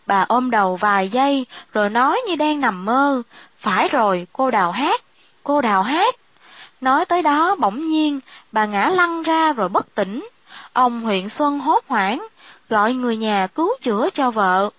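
A woman narrating a scripted story in a steady, measured way. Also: high voice, no room sound, muffled recording.

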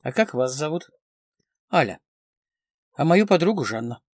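A man reading the part of a playful, teasing woman who flirts quickly and slyly, in a dry close recording. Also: a little high, big pitch swings, dry recording.

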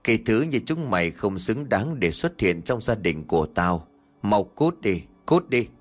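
A man's voice: lowish voice, big pitch swings, normal speed, faint music behind. A man putting on a scheming, bossy old wife. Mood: scolding. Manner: bossy, scolding. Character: scheming cruel elderly wife, sharp-tongued.

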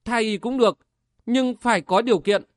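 A man's voice: very high voice, moderate pace, no room sound, clean studio sound, pitched above the performer's own voice. Man doing a haughty martial-arts princess. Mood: commanding. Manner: imperious, commanding. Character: haughty cold-eyed young martial princess.

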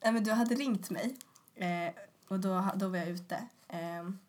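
A woman's voice: medium pitch, a little mellow. Woman co-host reacting with emphatic indignation. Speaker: podcast co-host. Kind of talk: casual chat.

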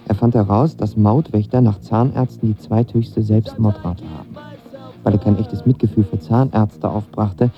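In a radio drama, an actor plays a lovestruck twenty-year-old who tells his story in casual slang, in narration and dialogue, with a reflective mood. His natural, lowish voice keeps a fairly even intonation at normal speed, over soft background music with the highs cut off.

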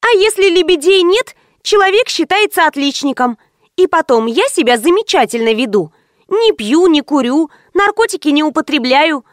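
A sarcastic, quick-tongued teenage schoolgirl, voiced by a woman reading an audiobook. She speaks high and bouncy with mocking retorts. The recording is dry and close. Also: sing-song, no room sound. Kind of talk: audiobook character voice.

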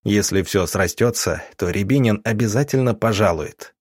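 Guy doing a sly calm doctor, measured and cool, a bit husky. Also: on the low side, no room sound, clean studio sound. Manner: calm, measured, turning cold. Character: calm, cunning male country doctor.

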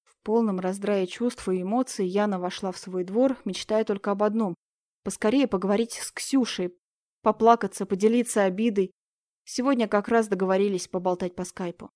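A woman's voice: medium pitch, normal speed, darkish tone, dry recording. Woman narrating an audiobook, dry close sound.

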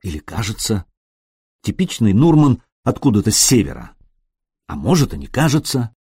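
A male audiobook narrator with a husky, slightly breathy voice and a pitch that rises and falls a lot. He reads in an expressive, storytelling style, recorded close up in a dry room. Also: normal speed, no room sound. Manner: expressive reading that briefly acts out the characters.

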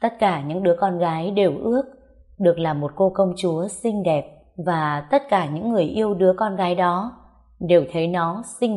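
A woman narrating a village story in a calm, tender storybook manner. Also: fairly low pitch.

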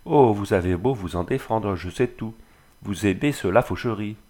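Man voicing a sneering drunken glassmaker for a storybook, fairly low, bitter. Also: normal speed, a little mellow, natural voice. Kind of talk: audiobook character reading.

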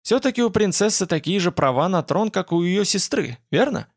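A man's voice: sits high, very animated, fairly quick, no room sound, clean studio sound, voice pushed up, full character voice. A male audiobook narrator voicing a brash, boastful young companion in a fantasy story. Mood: cocky, boastful.

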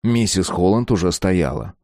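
A man narrating an audiobook in a steady, even storytelling manner. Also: sits low, moderate pace, dry recording, clean studio sound.

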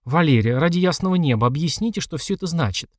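Brief: narrator doing a prim noblewoman, shocked and pleading, lifted pitch, dry close sound. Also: big pitch swings, fairly quick, a little mellow, dry recording. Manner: genteel, pleading. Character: refined young noblewoman, a countess, easily shocked.

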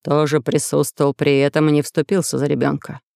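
A storyteller voicing a stern, commanding middle-aged sultan who speaks low, slow and severe, recorded dry and close. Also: male voice, monotone, gravelly, darkish tone, clean tone, dry recording.

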